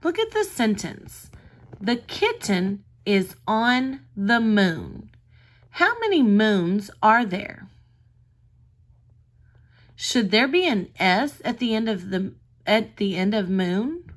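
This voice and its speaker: A woman's voice: medium pitch, big pitch swings, takes it slowly, long pauses. A woman kindergarten teacher giving a reading lesson, explaining simply and sounding words out carefully, as if reading to a toddler. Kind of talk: recorded reading lesson for young children.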